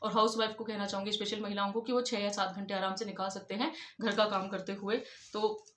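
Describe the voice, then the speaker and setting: A woman talks fast and earnestly, giving study advice to exam candidates in a casual, repetitive way. Her voice is fairly high but stays level, with little rise and fall. The room around her is echoey. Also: little pitch movement, fairly bright tone, a little hiss or hum. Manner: earnest, repeats "I'd like to tell you". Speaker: exam-prep tutor.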